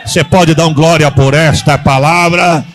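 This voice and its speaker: At a moderate pace and with fairly even intonation, a high-voiced man preaches a Pentecostal sermon during a church service. His folksy stories use colloquial grammar, and call-and-response with the congregation gives way to loud preaching.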